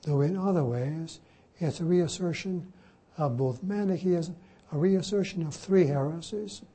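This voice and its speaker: Speaking in a fairly high, mellow, husky voice at an unhurried pace, this older man is a Jesuit priest whose first language was Slovak. He teaches a class informally and spells out words one letter at a time.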